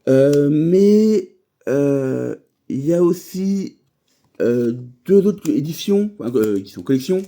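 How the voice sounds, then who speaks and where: A man's voice: a little high, animated, slow, mellow. A man chatting casually while opening trading card packs, rambling from thought to thought with many fillers and restarts.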